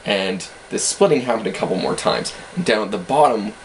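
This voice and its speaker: A man's voice: fairly low pitch, lively intonation, fairly quick, a little hiss or hum, low-quality recording. A man casually explaining language facts in an educational video, hedging with self-deprecating asides.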